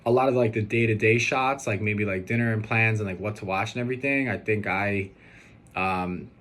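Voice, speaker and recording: Steady noise sits under this casual video message from a young groom-to-be, who answers questions in an earnest, halting, meandering way. He speaks at a normal speed in a lowish register.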